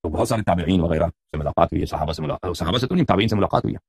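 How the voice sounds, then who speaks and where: A man's voice: low voice, creaky, a little mellow, breathy edge. A middle-aged man giving a religious lecture, reading Arabic book titles and explaining them in Urdu, asking his listeners questions, with a mocking edge. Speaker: religious debater.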